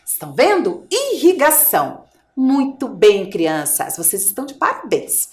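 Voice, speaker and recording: A Brazilian woman teaching a video lesson to small children, her voice lively and swooping as she coaxes them with questions. Her pitch sits somewhat high, and the recording has an echoey, roomy sound. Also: unhurried. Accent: Brazilian Portuguese. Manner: animated, coaxing, asks children questions. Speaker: primary school teacher.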